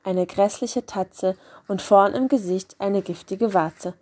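A woman voicing a small, clever, bold mouse in a storybook reading, with a lively raised voice. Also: medium pitch, slow pace. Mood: cheerful.

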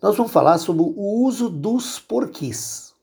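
A Brazilian man teaching a grammar lesson, his voice low and gravelly with a dark, mellow tone. His pitch moves freely up and down as he patiently explains and repeats each rule. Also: animated, a little slow. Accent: Brazilian Portuguese.

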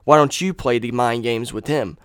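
A man's voice: medium pitch, normal speed, fairly bright tone, clean tone, no room sound, studio quality. A man in a heated, profane casual rant, blunt and repeating his points for emphasis. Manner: heated, blunt, swears constantly. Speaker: vlogger.

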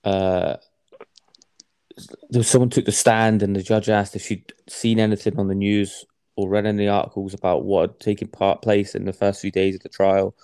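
A young man in casual chat, rambling and halting, swearing often. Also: lowish voice, little pitch movement, warm tone, smooth, dry recording.

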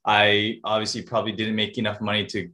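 Upbeat low-voiced man from Hawaii. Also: completely flat delivery, fast, pushed and bright. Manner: upbeat, enthusiastic. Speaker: podcast guest. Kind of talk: casual interview chat.

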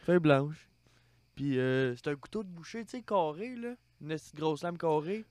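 A man's voice: on the high side, expressive, normal speed, a little mellow, dry recording. A young man with a Quebec French accent in crude casual chat, laying out gruesome details in a matter-of-fact way.

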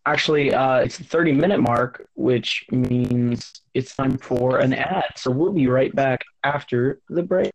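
A man's voice: mid-range voice, a little slow, few pauses, poor audio. A man hosting a casual podcast, rambling and teasing with lots of restarts. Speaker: podcast host.

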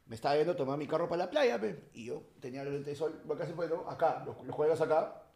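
A young man with a Peruvian accent, telling a comic anecdote in a slangy, animated casual chat. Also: a little high, fast talker, creaky, reverberant. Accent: Peruvian Spanish. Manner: animated, slangy, acts out voices in his anecdotes. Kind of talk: casual comedic storytelling.

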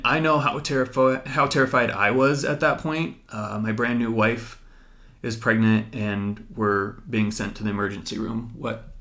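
A man's voice: medium pitch, a bit bright. A young man hosting a podcast, earnestly telling a personal story to his wife, reflective and full of fillers. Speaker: podcast host.

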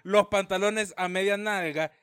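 A man's voice: sits high, steady tone, a little slow, a bit bright, clear, resonant tone. A young Honduran man hosting a casual group chat, steering the talk and playfully acting out the people he quotes. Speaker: podcast host.

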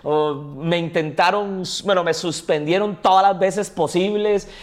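A man with a Costa Rican accent talks as a guest in a relaxed interview. His voice sits a touch high, and he tells his story in a chatty, rambling way, tagging on little questions as he goes. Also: measured pace. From Costa Rica. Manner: chatty storyteller, often adds tag questions and laughs. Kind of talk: casual interview.

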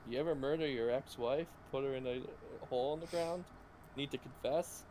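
A man co-hosting a casual podcast with friends, throwing in quick jokes and interruptions. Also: mid-range voice, darkish tone, a little hiss or hum. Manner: joking, interrupts with quips. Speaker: podcast co-host. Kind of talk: casual chat among friends.

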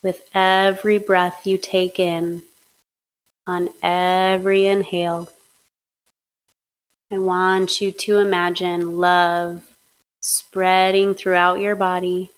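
Female hypnotist, low-pitched and very even, soothing guided induction. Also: clear, resonant tone, poor audio. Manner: slow, soothing, monotone guidance.

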